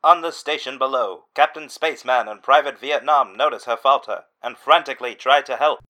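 A man giving mock-dramatic scripted narration in a deadpan, dramatic manner. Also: mid-range voice, brisk, low-quality recording.

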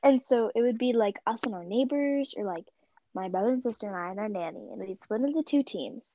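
A teenage girl chatting casually and telling stories with lively gasps and laughs. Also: on the high side, brisk, dry recording. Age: teens. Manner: animated storytelling with gasps. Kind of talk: casual chat. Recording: dull lo-fi mic.

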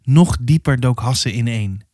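A man's voice: medium pitch, expressive, unhurried, a little mellow, dry recording. Man reading a novel aloud, dry sound. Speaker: reader.

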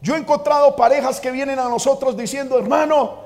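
Male pastor, sermon delivery, fervent with shouted peaks, long church-hall reverb. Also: extremely high pitch, flat delivery, fast. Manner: fervent, swings from quiet asides to shouted exhortation.

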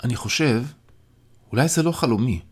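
A man narrating a novel aloud in the first person, in a measured, reflective way. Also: medium pitch, lively intonation, breathy edge. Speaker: audiobook narrator.

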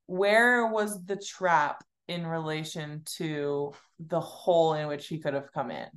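Young woman, curious co-host in a casual chat, laughs often, voice a bit on the low side. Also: takes it slowly. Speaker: podcast co-host.

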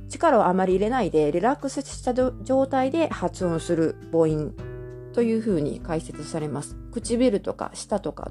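Patient language teacher, a woman from Japan, warm and dark in tone, steady mid pitch, thinking aloud with fillers. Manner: patient, explains step by step with many fillers. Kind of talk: explanatory language lesson.

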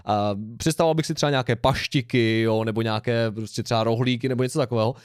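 A man's voice: medium pitch, fairly even intonation, clear, resonant tone, dry recording, clean studio sound. A young man co-hosting a podcast, telling a rambling, laughing anecdote in casual chat. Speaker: podcast co-host.

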